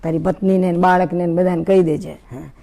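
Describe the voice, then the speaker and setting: A woman's voice: on the low side, fairly even intonation, brisk, gravelly, dark tone, pitched below the performer's own voice. A woman voicing a boastful magic elephant who coaxes a farmer with promises of sweets. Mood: coaxing.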